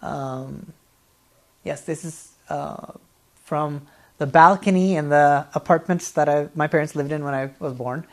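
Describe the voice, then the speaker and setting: A man, answering interview questions in a friendly, relaxed way, often laughing and pausing with fillers. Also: fairly high pitch. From Norway. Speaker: guest, dance artist.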